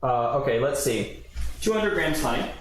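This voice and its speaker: A man's voice: medium pitch, expressive, normal speed. A man casually chatting on a livestream while he cooks in his apartment kitchen, rambling and often cutting himself off. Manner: rambling, self-interrupting, chatty. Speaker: streamer. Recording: very echoey room, faint background noise.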